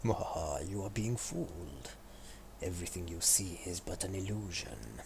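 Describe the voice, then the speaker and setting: A man's voice: low voice, big pitch swings, normal speed, full character voice. A man playing a mock-sinister, gloating villain during a game stream. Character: gloating villain springing a trap. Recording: clear background noise.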